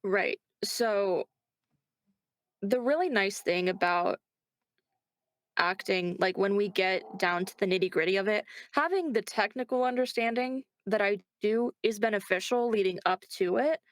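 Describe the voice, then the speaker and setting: A woman voice actor, interviewed without any echo, speaks in a mid-range voice at an unhurried pace. She's chatty and reflective, often cutting herself off to correct what she's said.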